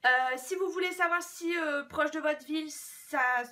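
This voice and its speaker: A chatty young woman from France talks through her latest shopping haul at home. Her voice sits high and bright, and she rambles along with fillers and stumbles. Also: measured pace. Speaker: beauty vlogger. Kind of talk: casual haul video chat.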